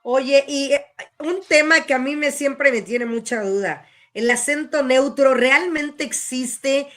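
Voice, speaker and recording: A woman's voice: sits high, slow, a bit bright. A woman hosting an interview, asking curious, playful questions. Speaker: interview host. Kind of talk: conversational interview.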